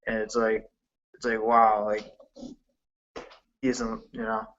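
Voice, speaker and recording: Halting male co-host, a bit off-mic. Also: on the low side, completely flat delivery, a bit bright, dull audio, a little hiss or hum. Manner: halting, casual. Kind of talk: casual wrestling talk.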